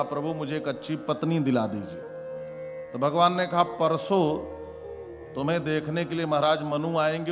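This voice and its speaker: Man preaching with reverb and music. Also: fairly high pitch. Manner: dramatic, switching into characters' voices, exclamatory. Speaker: Bhagavat katha preacher. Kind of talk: devotional storytelling sermon. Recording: long reverb with instrumental music behind.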